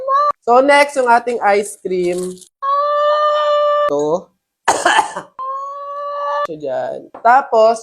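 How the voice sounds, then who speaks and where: A young woman with a Filipino accent, hosting a casual vlog in a loud, bubbly, exclamatory way. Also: mid-range voice. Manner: loud, bubbly, exclamatory, mixing English into Tagalog. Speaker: vlogger. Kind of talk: casual vlog, trying a drink recipe.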